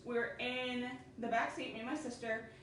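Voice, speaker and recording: A woman's voice: fairly high pitch, fairly even intonation, normal speed, a bit bright, heavy reverb, recorded from a distance, slight background noise. A woman chatting casually while painting pumpkins, telling a story with lots of "you know". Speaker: co-host. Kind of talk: casual chat while crafting. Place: indoors at a table painting pumpkins.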